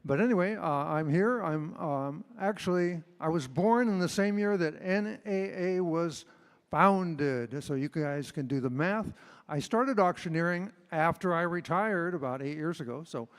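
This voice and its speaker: A chatty American man in his seventies talks to a crowd from the stage in an informal, joking way. His voice is fairly high and echoes through a large hall. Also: normal speed, clean tone. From Illinois, United States. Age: 70s. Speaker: auctioneer presenting on stage. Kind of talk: informal stage presentation with jokes.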